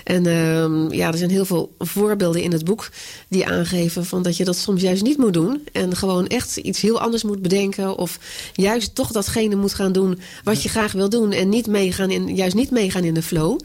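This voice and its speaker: A woman's voice: medium pitch, moderate pace, hardly any pauses, a little mellow. A woman, the author of a book, answering interview questions in a hesitant way, with many fillers and restarts.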